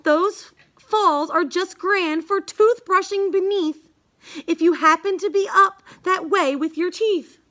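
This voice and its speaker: Woman, very high pitch, slow pace, rhyming children's read-aloud, singsong phrasing. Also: a bit bright. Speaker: storybook reader.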